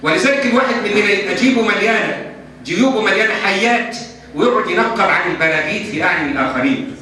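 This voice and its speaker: A man's voice: high voice, animated, racing, a crowd in the background. A man with an Egyptian accent answering religious questions in a lesson, emphatic and mixing formal and colloquial speech. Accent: Egyptian Arabic. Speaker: Islamic scholar answering questions. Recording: echoey hall from far off, faint hum.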